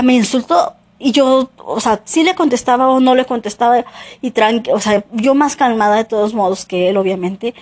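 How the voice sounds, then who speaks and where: A woman's voice: on the high side, darkish tone. A young woman with a Mexican Spanish accent telling a personal story casually, rambling with many fillers and self-corrections.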